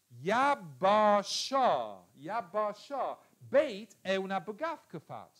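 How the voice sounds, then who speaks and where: Slow, animated man teaching a class. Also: fairly high pitch. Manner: repeats key rules, asks the class questions; frequent hesitations and self-corrections. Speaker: teacher of biblical Hebrew. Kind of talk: lecture to students.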